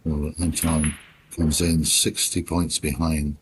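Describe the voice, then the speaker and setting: A man with an extremely low voice gives quiet, unhurried commentary in the style of a golf broadcast. His phrases are short and measured, with long gaps left between them, over clearly audible background noise. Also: level tone. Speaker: snooker commentator.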